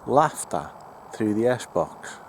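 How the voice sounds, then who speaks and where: A man's voice: fairly low pitch, sing-song, slow pace, slight background noise. A man investigating the paranormal, calling out to spirits and joking wryly to camera, outdoors in woods at night. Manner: dry, wry humor.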